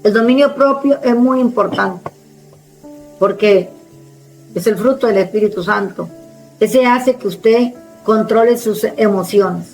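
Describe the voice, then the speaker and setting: A woman's voice: medium pitch, measured pace, rough recording. Woman evangelist, strong carrying voice, emphatic preacher's authority, faint music underneath. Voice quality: strong, forceful speaking tone. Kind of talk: sermon.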